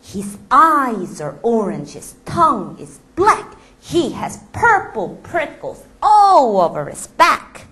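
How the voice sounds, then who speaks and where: A woman's voice: on the high side, very animated, drawn-out words, pushed and bright, full character voice. A woman voicing a small, clever and cheeky mouse in a storybook read-aloud, with bold, emphatic lines. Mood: confident.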